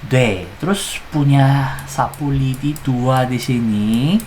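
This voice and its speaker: Slow, chatty teacher spelling out syllables. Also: medium pitch, darkish tone, a little hiss or hum, rough recording. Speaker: Korean language teacher. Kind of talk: casual lesson explaining song lyrics.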